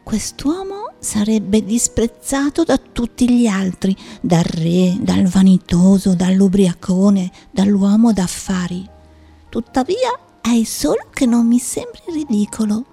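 Curious little prince, earnest questioning boy, dark husky voice, lively pitch. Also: takes it slowly, soft background music, heavily acted. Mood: wondering. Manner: wondering, questioning. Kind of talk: audiobook drama.

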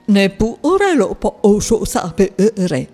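A performer voicing a pompous, self-important old male geographer who lectures slowly. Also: mid-range voice, sing-song, a little mellow, soft background music, exaggerated voice. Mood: lecturing.

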